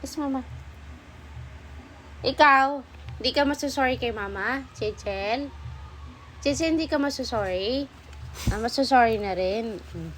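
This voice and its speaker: A woman's voice: a little high, measured pace, a little hiss or hum, rough recording. A woman vlogging at home, mock-scolding and coaxing her dogs in pet talk. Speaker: vlogger and dog owner. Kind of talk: casual vlog, talking to her dogs.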